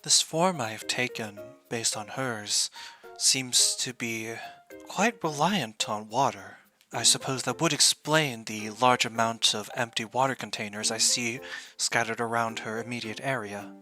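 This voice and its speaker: A man voicing a polite, curious extraterrestrial being on a game stream, speaking in a formal, measured, detached and wordy way. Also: mid-range voice, sharp tone, faint music behind. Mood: detached curiosity. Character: polite, curious extraterrestrial star being inhabiting a human host. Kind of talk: in-character video game stream commentary.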